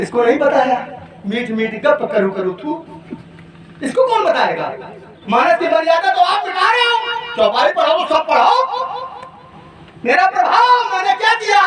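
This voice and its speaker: A man playing a proud, defiant young warrior prince in a village stage debate, mocking his opponent with shouted questions and chanting verses in drawn-out lines. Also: very high voice, slight background noise, full character voice. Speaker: Ramlila stage actor. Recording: distant echoey live stage recording with loud crowd.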